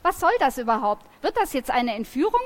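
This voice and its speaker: A woman reading aloud from a storybook, voicing a defiant, quick-tongued teenage girl. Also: high-pitched, sing-song.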